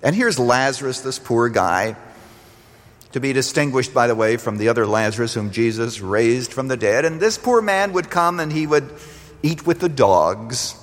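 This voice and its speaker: An older man from Canada preaching a radio sermon as pastor, animated, swelling to emphatic peaks and dropping low. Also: normal speed, long reverb tail.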